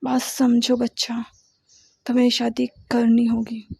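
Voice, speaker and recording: A woman voicing a gentle but firm mother who soothes her son in a soft, half-whispered voice. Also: fairly high pitch, completely flat delivery, slow pace, gravelly, husky, no room sound, clean studio sound, full character voice. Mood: soothing, firm.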